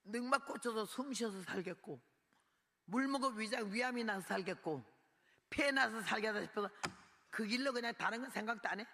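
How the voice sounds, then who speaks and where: Woman missionary preacher telling her story in a sermon, gravelly and bright-edged, dramatic delivery with acted-out cries, long hall reverb. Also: on the high side, brisk. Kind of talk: sermon testimony.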